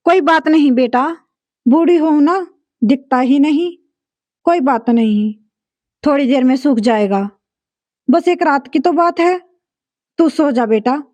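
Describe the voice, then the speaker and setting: A woman voicing an elderly, patient and loving mother who speaks gently and softly in a storybook tale. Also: high-pitched, unhurried, long pauses, dry recording. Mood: gentle. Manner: gentle, soft-spoken.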